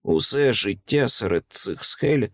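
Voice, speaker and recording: A man reading a fantasy novel aloud as an audiobook narrator, in a steady, measured storytelling manner. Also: fairly low pitch, gravelly, no room sound. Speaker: audiobook reader.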